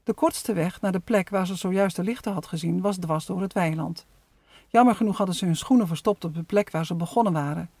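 Calm storyteller reading a children's story. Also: medium pitch, fairly quick, slightly rough, no room sound. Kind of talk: scripted narration of a children's story.

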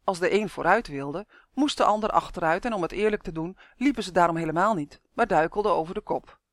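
A woman reading a children's fantasy story aloud in a calm, even-paced narration. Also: fairly low pitch, a little fast, dry recording, studio quality. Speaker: audiobook reader.

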